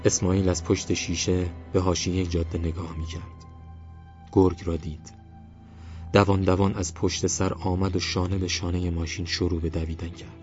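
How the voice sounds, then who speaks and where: Deep male narrator, measured literary reading, soft background music, slightly muffled. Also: level tone. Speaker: audiobook narrator. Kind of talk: scripted narration.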